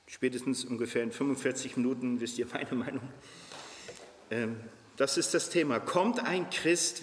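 A man's voice: medium pitch, fairly bright tone. A man in his fifties preaching a sermon as a pastor, earnest, his voice climbing when he reads scripture aloud. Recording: echoey hall with long reverb.

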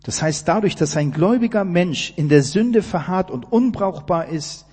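A man preaching a sermon, emphatic and direct, asking his listeners questions and building to loud climaxes. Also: sits high, animated, moderate pace, slightly rough, long reverb tail. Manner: emphatic, rising to near-shouting climaxes.

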